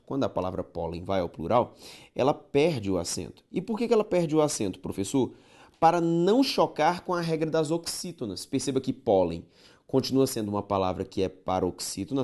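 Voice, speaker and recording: A Brazilian-accented male grammar teacher whose voice swings up and down as he stresses each point. He poses rhetorical questions and repeats rules for his students. His pitch sits in a middle range for a man. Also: a little mellow. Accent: Brazilian Portuguese. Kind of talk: recorded grammar lesson.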